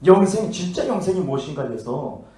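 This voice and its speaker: A man's voice: on the high side, big pitch swings, quick pace, warm tone. A man preaching a sermon who tells a story and keeps asking and answering his own questions. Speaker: pastor. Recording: echoey hall, mic at a distance.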